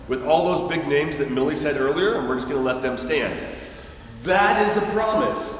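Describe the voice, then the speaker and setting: Slow emphatic man preaching in echoey hall. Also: a little high, recorded from a distance, slight background noise. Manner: emphatic, repeats key phrases for weight. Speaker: pastor. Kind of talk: sermon. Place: church sanctuary.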